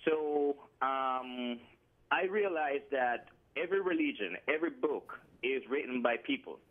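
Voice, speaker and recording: Heard through a tinny line, a Colombian man phones in and speaks with a Colombian Spanish accent. His mid-range voice is animated and his pace measured, though he hesitates often, restarting and filling gaps.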